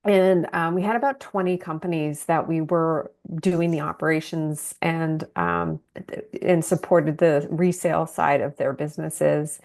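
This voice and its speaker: A woman with a fairly low voice walks through her slides in a webinar. She talks in a conversational way and moves from slide to slide. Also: gravelly, darkish tone. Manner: conversational, calls for the next slide. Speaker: business founder presenting. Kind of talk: webinar presentation.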